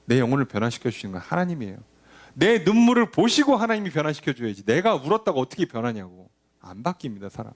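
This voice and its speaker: A male pastor delivering a sermon, urging and questioning the congregation, now and then dropping to a low aside or acting out a quoted line. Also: quick pace. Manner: animated preaching, drops to a low murmur for emphasis, acts out quoted lines.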